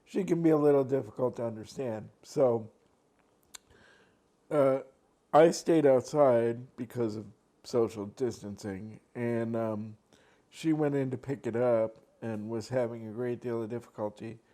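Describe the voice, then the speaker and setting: A man's voice: mid-range voice, measured pace, dark tone. A man eating on camera and chatting at home, rambling with lots of fillers and restarts. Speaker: mukbang vlogger. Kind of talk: casual chat while eating. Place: home, at a desk by a laptop.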